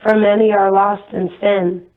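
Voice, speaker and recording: Hoarse woman caller on a tinny phone. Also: medium pitch, little pitch movement. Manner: earnest, measured reading. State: hoarse, losing her voice. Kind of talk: delivering a prophetic message. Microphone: phone call.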